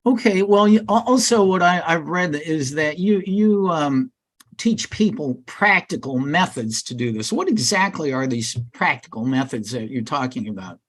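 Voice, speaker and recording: A man hosting an interview, asking questions haltingly and giving short affirmations. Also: a little high, animated. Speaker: podcast host, interviewer.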